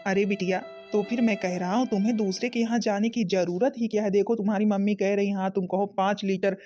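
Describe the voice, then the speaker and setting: Brief: woman doing a soft, slow-talking cartoon father, high-pitched, dull lo-fi sound. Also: fairly even intonation, faint music behind. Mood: soothing. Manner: slow, soothing and pleading. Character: gentle middle-aged father and husband. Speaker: father character.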